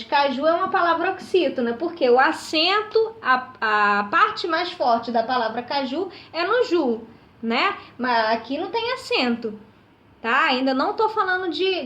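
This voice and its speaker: Woman teacher, high voice, patient and step-by-step, often checks "right?", roomy echo. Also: fairly bright tone. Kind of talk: recorded classroom lesson. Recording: echoey room.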